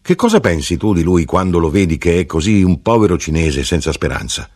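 Husky low-voiced male reader. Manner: measured, expressive reading with wide pitch swings. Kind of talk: literary audiobook reading.

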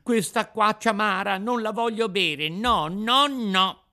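A man's voice: lively intonation, unhurried, sharp tone, exaggerated voice. A man doing a whiny wooden puppet boy. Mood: stubborn whining. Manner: whining, shrill protests.

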